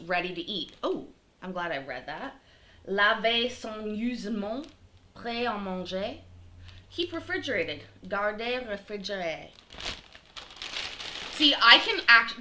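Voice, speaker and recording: A middle-aged woman hosts a casual cooking livestream from her home kitchen, rambling with lots of fillers and greeting viewers by name. Her medium-pitched voice is expressive, pushed and bright, at a measured pace. The kitchen sounds echoey, with faint noise.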